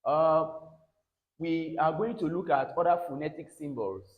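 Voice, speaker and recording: Man, slow deliberate teaching pace, slightly high voice, echoey room. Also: narrow, tinny audio. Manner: repeats each word several times, tag "all right?" after points. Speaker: English pronunciation teacher. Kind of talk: exam-prep pronunciation lesson.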